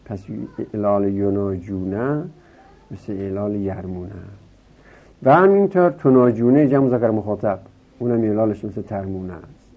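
A man giving a grammar lesson, explaining step by step and chanting verb forms in a rising sing-song. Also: on the low side. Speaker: teacher. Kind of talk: Arabic grammar lesson in Persian. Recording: tinny phone-like recording.

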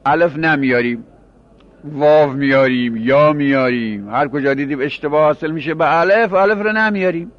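Man teaching a grammar lesson, lo-fi. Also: on the high side. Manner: explains by repeating examples and asking questions.

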